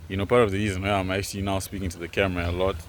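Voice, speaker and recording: Speaking very fast in a deep, level voice, a man from Zimbabwe in his twenties vlogs to camera in an earnest, casual ramble full of fillers. The audio is poor, with rain and other background noise clearly audible.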